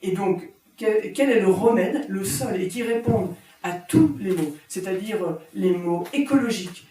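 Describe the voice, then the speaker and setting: A woman author gives a conference talk presenting her book, her mid-range voice mellow and dark. She speaks haltingly, starting over and repeating words. She stands well back from the microphone in a big room with heavy echo.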